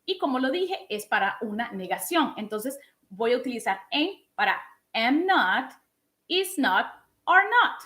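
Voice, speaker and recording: A woman in her thirties giving a casual online English lesson in a lively, chatty way, often asking her listeners questions. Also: a little high, unhurried. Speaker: English teacher.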